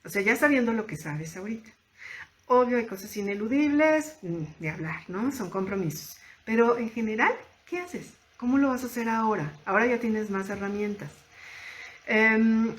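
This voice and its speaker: A woman's voice: mid-range voice, slight background noise. A woman, a therapist giving a conversational teaching talk and asking her listeners questions directly. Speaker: thanatologist and therapist. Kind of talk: informal teaching talk to camera.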